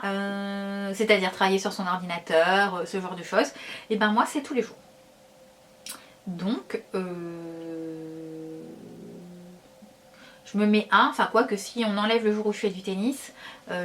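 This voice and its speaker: A woman's voice: mid-range voice, unhurried, long pauses, a bit bright, slight background noise. A woman vlogger talking casually to her viewers, chatty and hesitant, with many fillers. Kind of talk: casual talk to camera.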